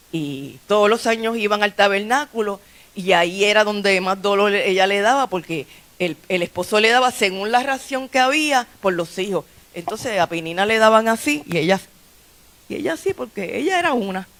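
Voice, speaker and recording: A woman pastor delivers a sermon in a relaxed, conversational way. Her pitch sits in a middle range for a woman. She often restarts her phrases as she talks to her congregation. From Puerto Rico. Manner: conversational preaching with frequent restarts and light laughs. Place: church sanctuary.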